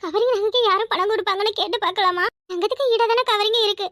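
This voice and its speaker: A woman's voice: extremely high pitch, quick pace, a bit bright, no echo, studio quality. A woman voicing a panicky young cartoon wife who frets aloud over her debts in a wailing monologue. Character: debt-ridden young wife, panicky and scheming. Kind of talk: cartoon voice acting.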